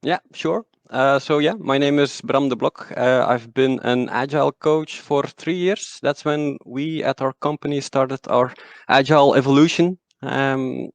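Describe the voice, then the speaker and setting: A Belgian agile coach, a native Dutch speaker with a West Flemish accent, talks about his work as an interview guest, telling relaxed, self-deprecating stories with many restarts. His medium-pitched voice is gravelly and creaky, a little slow. The recording is dry and close, like a video call.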